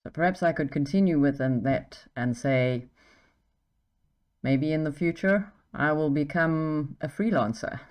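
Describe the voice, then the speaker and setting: She speaks at a measured pace, her low voice darkish in tone, while giving an English lesson full of exam tips. This South African teacher sounds encouraging and frequently uses "okay" and "right" to check in.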